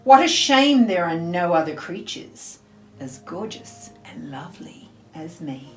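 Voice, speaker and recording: Storybook angelfish, female, vain and gushing, very lively swoops, played by a woman reader, echoey room. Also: lowish voice, unhurried. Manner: gushing, self-admiring. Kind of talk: picture book read-aloud in verse. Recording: roomy echo, faint music behind.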